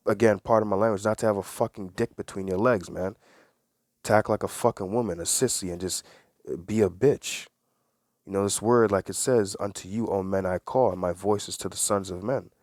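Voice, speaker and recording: A man with a fairly low voice delivers preachy religious commentary. He leans hard on certain words, circles back to repeat phrases, and fires off rhetorical questions. The sound is dry and close, with no room echo. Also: darkish tone. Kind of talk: preachy commentary with read-aloud news.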